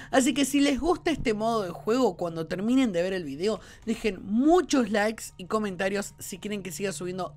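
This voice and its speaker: A man with a Rioplatense accent commenting on a horror game, excitable and prone to shrieking at scares. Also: high voice. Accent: Rioplatense Spanish. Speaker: gaming YouTuber.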